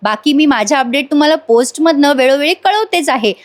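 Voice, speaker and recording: A woman with a high voice recaps a soap serial in a chatty voice-over. She talks straight to her viewers in a casual, friendly way. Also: expressive, a little fast. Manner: chatty, addresses viewers directly. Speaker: serial reviewer.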